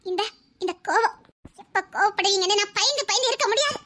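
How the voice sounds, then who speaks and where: A woman voicing a young bride who defies her quick-tempered husband in a dubbed serial drama, with nervous laughter. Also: extremely high pitch, lively intonation, sharp tone, exaggerated voice. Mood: fearful.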